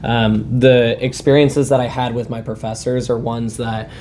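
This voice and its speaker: A man's voice: mid-range voice, level tone, moderate pace, darkish tone, a little hiss or hum. A young man in his twenties, a recent graduate being interviewed, talking in an easygoing, rambling way with frequent laughs. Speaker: guest alumnus. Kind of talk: casual interview chat.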